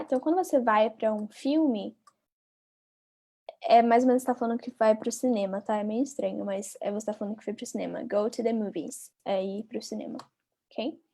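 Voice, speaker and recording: A woman with a Brazilian Portuguese accent teaching a live online English lesson. She repeats each word slowly and talks directly to her viewers. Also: fairly high pitch, vocal fry, a little mellow. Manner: patient, drills words by repeating them slowly, chatty asides to viewers.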